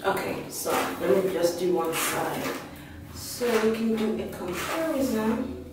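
A woman's voice: medium pitch, lively intonation, a little slow, heavy background noise. A young woman chatting casually to camera as a lifestyle vlogger, playful and laughing often, filmed in a small home kitchen. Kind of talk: casual vlog chat to camera. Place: small home kitchen and living room, indoors. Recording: roomy, distant audio with music behind.

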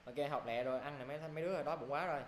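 A man with a Southern Vietnamese accent teaching an English grammar lesson. He talks briskly and keeps checking in with his students. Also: a little high, roomy sound, slight background noise.

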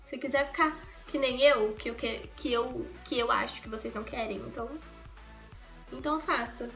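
A young woman from Brazil talks to her viewers while doing her makeup at home. Her voice is high and bright, and she jokes and rambles, correcting herself as she goes. Faint music plays under the recording. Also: normal speed, gravelly. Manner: chatty and joking, rambling with self-corrections. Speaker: makeup vlogger. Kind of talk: casual get-ready-with-me vlog. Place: at home in a bedroom.

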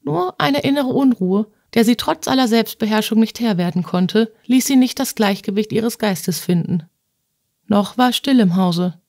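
A woman's voice: moderate pace, a little mellow, no room sound. Woman narrating a classic novel, dry. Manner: acts out dialogue with raised pitch for shrill outbursts. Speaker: audiobook narrator.

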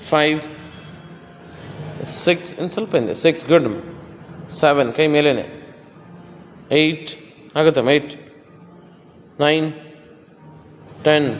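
A man coaching a client through a gym workout, counting reps and coaxing her on. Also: a little high. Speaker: gym trainer. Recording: echoey room with music behind.

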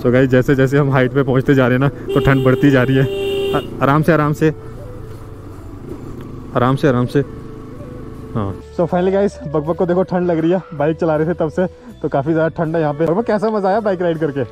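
A young man hosts a casual motorcycle vlog outdoors on a chilly mountain road, chatting fast with his audience and addressing them again and again as "guys" and "bhai." His slightly high voice is a little mellow, with faint music underneath.

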